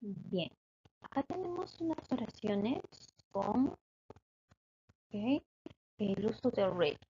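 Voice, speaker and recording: A woman's voice: medium pitch, very animated, takes it slowly, dark tone, slightly rough, highs cut off. A woman teaching an English grammar lesson in Spanish, explaining patiently and checking often that her students follow.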